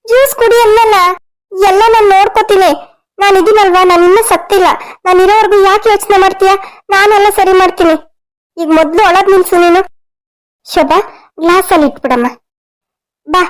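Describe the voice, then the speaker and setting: A woman's voice: extremely high pitch, low-quality recording. A woman voicing the women of a cartoon family drama, emotional and scolding. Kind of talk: cartoon story voice acting.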